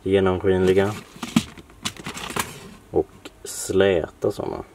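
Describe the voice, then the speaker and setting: A man from Sweden giving a casual tour of his home workshop, listing parts in a relaxed way with many fillers. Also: deep voice, background noise. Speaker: Lego collector showing his workshop. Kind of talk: casual room-tour narration. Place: home workshop room, dim lighting.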